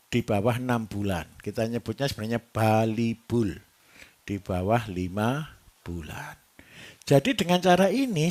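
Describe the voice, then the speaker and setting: A man with a Javanese accent giving a live workshop lecture to farmers, joking and quizzing his audience as he goes. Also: medium pitch. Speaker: livestock trainer.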